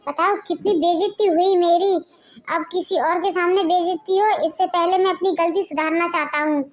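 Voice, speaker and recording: Casting: a harsh domineering husband, voiced by a woman in a very high voice, barking orders. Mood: stern. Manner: scolding, commanding. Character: bossy harsh husband scolding his wife.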